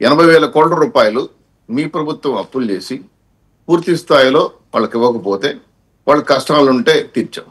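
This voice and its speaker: A male panelist with a husky, mid-pitched voice and a steady delivery. He argues his point by reeling off long lists of figures. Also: a little fast. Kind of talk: political debate argument.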